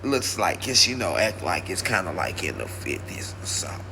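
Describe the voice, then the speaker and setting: A man's voice: deep voice, sing-song, normal speed, creaky, sharp tone, slight background noise, voice pushed down, heavily acted. A man voicing an indignant male service dog who complains at length that he is not paid. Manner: aggrieved, complaining, long-winded.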